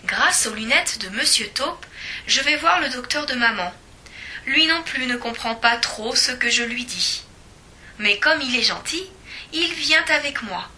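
Bright, slow woman reading a children's story. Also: high voice, a little hiss or hum. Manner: lively, expressive reading.

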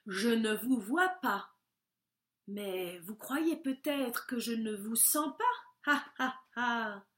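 A woman's voice: animated, slow pace. A woman doing a whiny old sly wolf. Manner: sly humming, then high pleading whine.

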